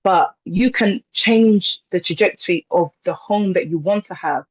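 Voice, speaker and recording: A woman's voice: lowish voice, measured pace, slightly rough, no room sound. Young woman, motivational speech, emphatic and repetitive, dry muffled sound. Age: young adult. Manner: emphatic, repetitive, rhetorical questions. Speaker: motivational speaker.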